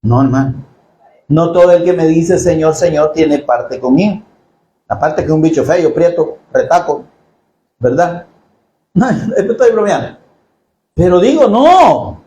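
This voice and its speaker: A man preaching a sermon in a church, jokey and animated, often asking the congregation questions. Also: a little high, measured pace, long pauses, reverberant, rough recording.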